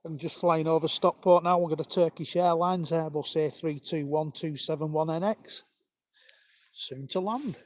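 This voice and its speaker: A man with a noticeably high voice and an East Lancashire accent hosts a livestream. He gives casual, off-the-cuff planespotting commentary in a conversational way. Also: fairly even intonation, moderate pace, darkish tone, dry recording. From East Lancashire, England. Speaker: livestream host.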